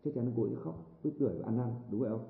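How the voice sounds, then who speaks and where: A man's voice: medium pitch, rapid-fire, gravelly. A man preaching a sermon with fervour, repeating phrases and calling out amen. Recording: tinny lo-fi echoey room recording.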